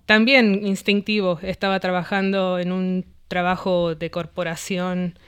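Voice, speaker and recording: A woman born in Argentina and raised in Brooklyn, a DJ and producer chatting casually as an interview guest, relaxed and quick to agree. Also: on the low side, clear, resonant tone. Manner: relaxed, repeats "sí, sí, sí", chuckles between phrases.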